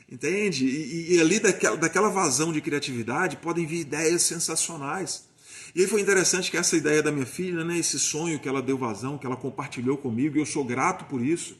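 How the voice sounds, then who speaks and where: Earnest fatherly man, slightly high voice. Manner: earnest, addresses viewers as "gente", repeats phrases for emphasis. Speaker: father giving parenting advice. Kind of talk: casual motivational talk to viewers. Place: at his mother-in-law's house.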